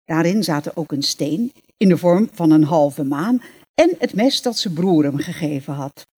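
A woman reading a passage from a novel aloud, measured and expressive. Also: deep voice, slightly rough. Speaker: reader.

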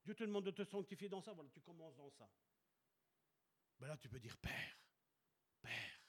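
A man's voice: fairly high pitch, lively intonation, brisk, a little mellow. A man preaching a sermon at a church service, emphatic and repeating short commands.

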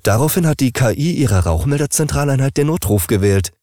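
A man reading an audiobook, voicing a brisk, reassuring female hospital nurse. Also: medium pitch, lively intonation, mellow, no echo, studio quality, pitched above the performer's own voice, lightly acted.

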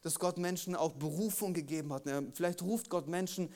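A man preaching a sermon, jokes with his listeners, then turns earnest, swinging between loud emphasis and quiet intensity. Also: sits high, a little fast. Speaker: pastor.

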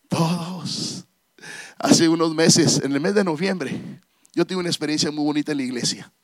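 A middle-aged pastor delivers a fervent sermon in a strikingly high-pitched voice, repeating his hallelujahs and pushing into shouted peaks. The sound is dry and close, with no room echo.

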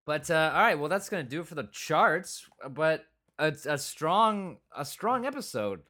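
A man's voice: fairly high pitch, sing-song, normal speed, sharp tone. Rambling male podcast co-host. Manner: rambling, full of restarts and quoted asides. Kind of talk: casual review chat.

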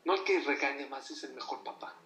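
Heard from a distance in a room full of echo, this male preacher speaks at medium pitch, briskly, with a creaky, sharp tone. He lectures his audience emphatically on religious matters and keeps throwing rhetorical questions at them.

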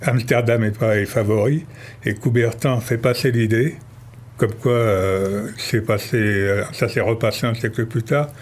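A man's voice: fairly low pitch, fairly even intonation, unhurried. A man speaking as a radio guest, telling a history story casually with some restarts.

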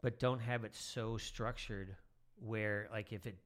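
In an unhurried, fairly low voice, a middle-aged man who teaches rambles through casual podcast chat. He sounds relaxed and uses a lot of fillers.

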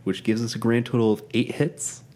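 A man's voice: medium pitch, little pitch movement, a little fast. A man playing a tabletop role-playing game, casually calling out rolls, in a recording with some room noise.

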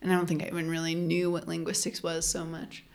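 This young adult woman, a linguist appearing on a podcast, speaks fast in a fairly low voice with vocal fry and a completely flat delivery. She talks casually and chattily, explaining ideas with frequent "like" fillers and laughing while she explains.

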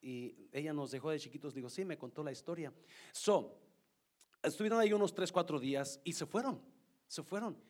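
Middle-aged male pastor, higher voice, storytelling sermon, swings from loud to soft. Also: brisk. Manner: mixes English words into Spanish.

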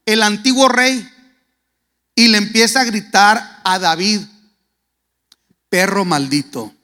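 High-voiced preacher in an echoing hall. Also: male voice, a bit bright. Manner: dramatic storytelling, acts out characters' lines. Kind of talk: sermon. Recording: echoey hall reverb.

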